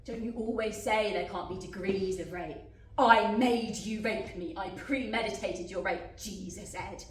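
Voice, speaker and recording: A young woman acting a defiant, wounded wife live on a theatre stage, swinging between quiet and shouting. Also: mid-range voice, unhurried, lightly acted. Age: young adult. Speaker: student actor. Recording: echoey stage from far off, faint noise.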